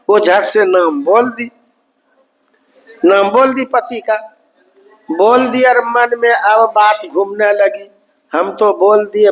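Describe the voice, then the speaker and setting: Guy preaching, folksy storytelling sermon, high voice, talks slow. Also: rough recording. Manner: folksy, acts out quoted voices while narrating. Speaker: spiritual teacher. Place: satsang hall.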